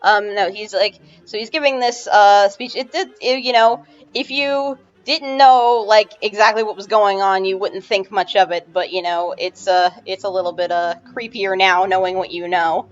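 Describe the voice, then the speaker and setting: Halting woman game master, lo-fi. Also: medium pitch, fairly even intonation. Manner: rambling, halting, many restarts and fillers. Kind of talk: narrating a tabletop game. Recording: dull lo-fi with faint music.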